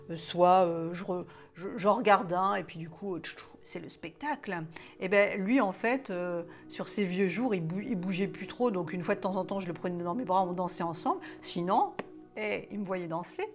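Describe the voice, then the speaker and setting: A woman leading a guided wellness exercise in a casual, chatty way, often hesitating and restarting her sentences. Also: medium pitch.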